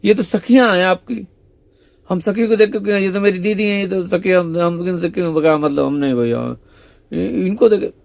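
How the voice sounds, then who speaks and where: A man's voice: on the high side, normal speed, creaky, darkish tone, no echo. A man voicing a mischievous young female devotee who answers coyly and feigns innocence. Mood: protesting.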